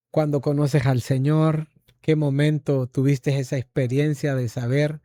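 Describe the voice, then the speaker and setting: A man's voice: mid-range voice, mellow, no echo. A man hosting a podcast interview who greets his guests in an upbeat, welcoming way. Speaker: podcast host.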